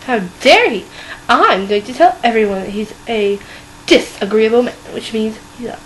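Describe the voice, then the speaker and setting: A woman's voice: fairly high pitch, lively intonation, normal speed, slight background noise, close to an everyday voice, poor audio. Woman as a huffy, indignant young woman. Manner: huffy, blunt, casual modern slang.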